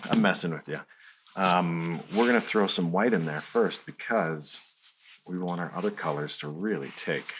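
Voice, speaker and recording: A deep-voiced man talks through a hands-on crafts demonstration, joking and addressing the viewer directly as he works. His voice sits very low. A faint hiss of noise runs under the recording. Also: normal speed, a bit bright. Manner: playful, chatty, talks to the viewer while working. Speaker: crafts tutorial host.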